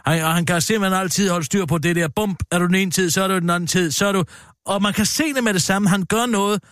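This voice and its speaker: A man hosting a radio comedy show, reading a silly screenplay aloud in a deadpan, mock-serious way. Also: sits high, no echo, studio quality.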